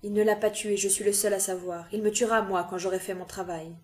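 A woman's voice: medium pitch, fairly even intonation, a little fast, darkish tone, natural voice. A woman reading aloud, voicing a frightened old male servant who pleads through tears. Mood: pleading. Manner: pleading, tearful.

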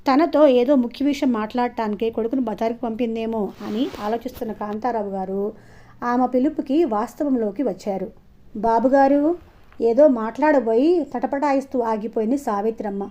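A woman storyteller giving a steady, expressive scripted narration of a story. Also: on the high side, fairly quick. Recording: dull lo-fi audio.

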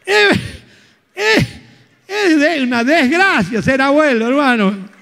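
A man with an Argentine accent doing live stand-up comedy, telling stories in loose slang with sudden shouts. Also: very high voice, lively intonation, takes it slowly, vocal fry. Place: theater stage. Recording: live hall with long reverb.

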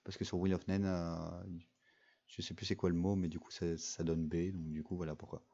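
A man's voice: sits low, little pitch movement, fairly quick, warm tone, lo-fi sound. A young man giving casual, rambling commentary over a mobile game, full of fillers and restarts. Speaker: gaming video creator.

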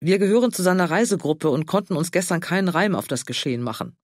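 A man voicing a fussy, anxious older man who pleads and frets in a high voice. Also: lively intonation, quick pace, dry recording, studio quality. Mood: eager.

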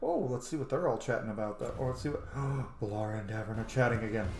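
A gaming host in his thirties gives chatty, gushing, casual commentary while running a game playthrough. His voice is lowish and darkish in tone, and he talks quickly. The recording is roomy, with faint noise.

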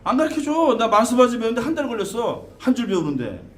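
A man teaching students as a shaman teacher, lecturing in an animated way with frequent tag questions and laughter. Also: very high voice, fast talker. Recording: echoey room with faint background noise.

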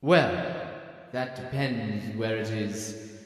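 A man's voice: lowish voice, slow. A man playing a sly, teasing mad cat in an audio drama, drawling and chuckling. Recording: echoing, long reverb.

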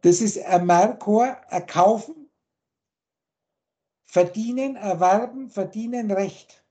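A woman's voice: medium pitch, takes it slowly, warm tone, lo-fi sound. A woman on a video call, teaching in a lecturing way and listing word after word with their meanings. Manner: lecturing, lists words and meanings in long chains. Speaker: teacher explaining word roots.

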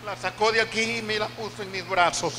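Older costa rican pastor telling his story in church, high bright voice, echoey hall. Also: steady tone, brisk, noisy background. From Costa Rica. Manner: emotional storytelling with repeated phrases. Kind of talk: sermon testimony.

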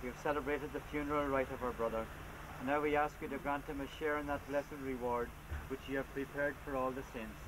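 Solemn priest praying at an outdoor graveside. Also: male voice, mid-range voice, steady tone. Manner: measured, formal liturgical delivery. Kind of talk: solemn funeral prayers read at a graveside. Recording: noisy, windy outdoor camcorder recording.

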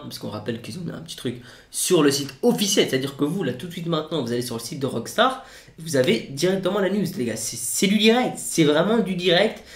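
A man hosting a casual gaming news vlog, excitable and repeating words over and over. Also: mid-range voice. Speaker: gaming YouTuber. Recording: roomy echo.

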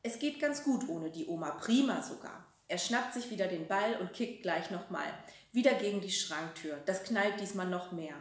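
A woman reading a children's story aloud, telling it in a calm, expressive way. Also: fairly low pitch, normal speed. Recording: roomy echo.

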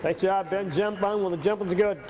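A high-pitched man calls a county fair harness race over the public address, folksy and full of joking asides. His voice echoes from far off across an open-air track. Steady outdoor noise sits behind it. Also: brisk. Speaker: race announcer. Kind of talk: live harness race commentary.

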